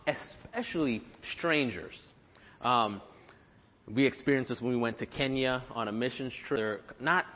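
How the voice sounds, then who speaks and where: Conversational pastor in a reverberant hall. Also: male voice, mid-range voice. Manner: conversational, with frequent fillers and restarts. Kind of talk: sermon. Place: church sanctuary. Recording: reverberant hall, dull lo-fi sound.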